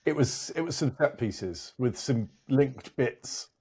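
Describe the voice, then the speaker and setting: A man's voice: medium pitch, expressive, slow pace, a little mellow. A man talking casually about a film, exasperated and conversational, laughing often. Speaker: guest film reviewer. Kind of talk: casual film review chat.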